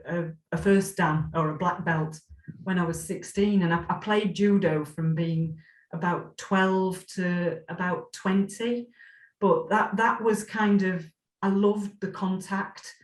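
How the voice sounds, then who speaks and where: The audio is poor and roomy, carrying a woman's lowish voice. She's a Scottish former player in her forties, thinking back warmly in a casual interview and using lots of ums, fillers and restarts.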